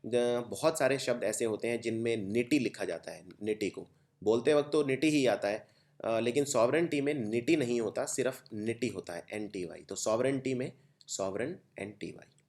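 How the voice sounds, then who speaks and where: A man's voice: mid-range voice, normal speed, a little mellow. A young man with an Indian accent teaching exam vocabulary, explaining step by step and spelling words out letter by letter. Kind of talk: exam-prep vocabulary lesson.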